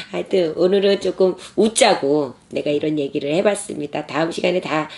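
무속인인 중년 여성이 캐주얼하게 경험담을 들려주며 대사를 흉내 낸다. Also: female voice, on the low side, normal speed, gravelly. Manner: lively retelling with acted quotes. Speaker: shaman storyteller. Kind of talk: casual storytelling.

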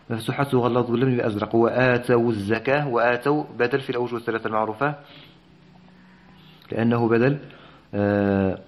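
A man teaching Quran recitation rules, explaining each point briskly with short filler pauses and occasional throat-clearing. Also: mid-range voice. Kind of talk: tajweed lesson explanation.

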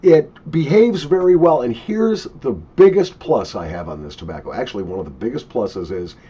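A man's voice: mid-range voice, animated, normal speed, mellow, breathy edge. A man in his sixties giving a casual, opinionated, unscripted product review in an emphatic way, recorded at a desk in a small home office. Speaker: pipe tobacco reviewer. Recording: dull lo-fi webcam sound.

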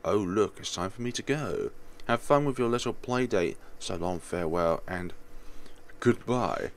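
A man voicing a prim, dry male aide from a visual novel in a formal, measured way. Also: lowish voice, lively intonation. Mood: smug.

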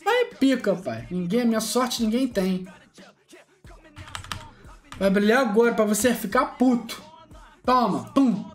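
With soft music in the background, a very high, animated male voice unhurriedly comments on gacha pulls, leaving long pauses. The streamer is boastful and taunting, drawing out chanted catchphrases and laughing and shouting loudly at lucky results.

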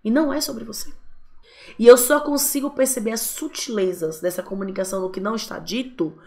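A woman in her thirties from Brazil giving a lively live talk on parenting, acting out the voices of parents as she speaks. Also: on the high side, brisk, gravelly. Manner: expressive, acts out parents' voices.

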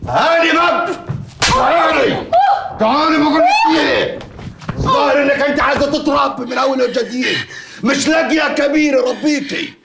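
An actor with an Upper Egyptian accent playing a domineering village mayor who taunts and threatens in a TV drama. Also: male voice, very high-pitched, fairly even intonation, fast talker, vocal fry, reverberant, heavy background noise. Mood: menacing. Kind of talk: TV drama acting.

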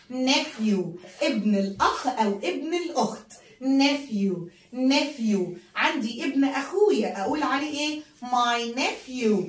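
Woman, Egyptian Arabic accent, children's English teacher, high voice, slow repetition, roomy echo. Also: recorded from a distance. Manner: slow, drawn-out repetition of words and spelling.

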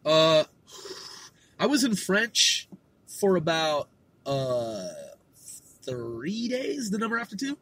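Slow with long pauses, a middle-aged West Coast man's voice runs on the high side, fairly bright, with big swings in pitch. He hosts his own podcast in a casual, rambling monologue thick with slang, cursing, and fillers.

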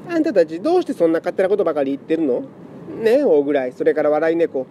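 A man voicing a sentimental female cat who pleads and scolds in soft, feminine speech. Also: a little high, big pitch swings, quick pace, slight background noise. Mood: pleading.

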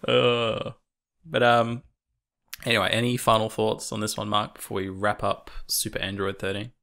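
A man's voice: lowish voice, completely flat delivery, normal speed, gravelly, sharp tone. A man co-hosting a podcast, chatting casually and enthusiastically, with loose and casual swearing. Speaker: podcast co-host.

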